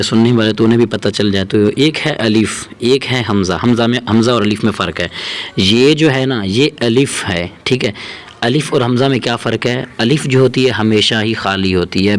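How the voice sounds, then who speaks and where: A man, teaching Quran reading in a patient way, repeating his points and drawing out each recited letter. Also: fairly low pitch. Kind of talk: explaining a lesson.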